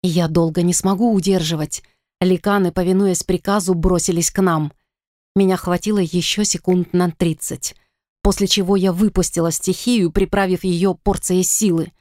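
A woman narrating a first-person fantasy audiobook in an expressive, dramatic reading. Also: lowish voice, normal speed, dry recording, clean studio sound.

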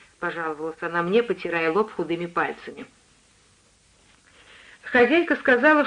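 A man giving a measured, descriptive reading of a first-person story as scripted audiobook narration. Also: high voice, a bit bright, lo-fi sound. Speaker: reader.

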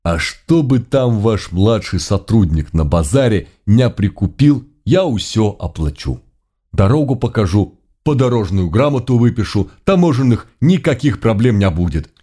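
A man's voice: fairly low pitch, very animated, moderate pace, warm tone, voice pushed up. A man voicing a shrewd, commanding middle-aged governor, speaking in old-fashioned courtly phrases with a dialect touch. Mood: persuasive.

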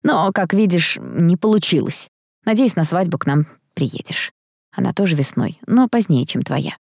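A woman voicing a gentle young man who speaks with hesitant pauses in an audiobook. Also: on the low side, sing-song, creaky, husky, no room sound, clean studio sound, full character voice. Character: good-natured young brother, warm and shy. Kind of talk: audiobook character voice.

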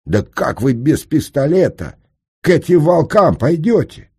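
Male narrator as excitable teen street boy, high husky voice, lively audiobook voice. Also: fairly quick, full character voice. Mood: alarmed. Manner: high, breathless, pleading. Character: excitable teenage street boy, tearful and eager. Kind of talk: audiobook character reading.

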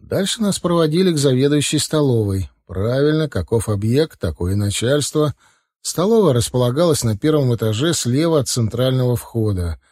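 A man narrating a first-person audiobook. His delivery is even and wry, set at an ordinary middle pitch for a man. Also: normal speed.

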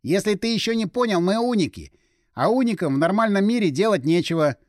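A man reads a young pyromancer who is blunt and stubborn, snapping out short urgent lines in a storybook reading. The voice sits fairly high and swings lively, recorded dry and close. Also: a little fast, dry recording. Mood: insistent. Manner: curt urgent shouting lines.

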